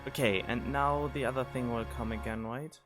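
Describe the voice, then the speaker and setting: Over music from game cutscenes, a man with a medium-pitched voice comments casually at normal speed, his intonation fairly even. He seems puzzled and reasons out loud, recorded on a studio condenser microphone.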